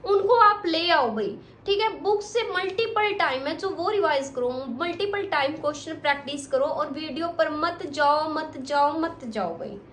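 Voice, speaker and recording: High-voiced woman giving blunt study advice. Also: animated, normal speed, hardly any pauses, a bit bright, slight background noise. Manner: direct, scolding, repeats points. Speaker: exam coach. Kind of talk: motivational study advice to students. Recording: echoey room with faint ambience.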